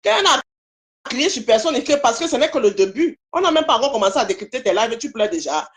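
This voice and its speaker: A woman's voice: sits high, animated, fast talker. A woman appearing as a guest on a live stream, lecturing and scolding someone while repeating her points. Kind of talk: heated live stream commentary.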